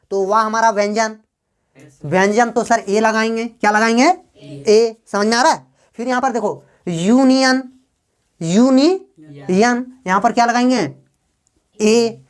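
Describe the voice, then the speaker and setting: Woman grammar teacher, slightly high voice, quizzing the class with questions she answers herself. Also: clear, resonant tone. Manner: drags out example words slowly.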